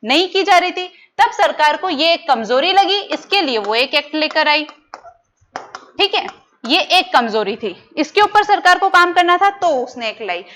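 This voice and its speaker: High-voiced woman teaching an exam class. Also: animated, a little slow, a bit bright, slight background noise. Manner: asks the class questions and answers them herself, repeats key terms. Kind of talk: exam-prep lecture.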